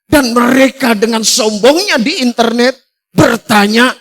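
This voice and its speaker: High-voiced pastor preaching slowly. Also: male voice, fairly bright tone. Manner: emphatic, asks rhetorical questions. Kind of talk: sermon.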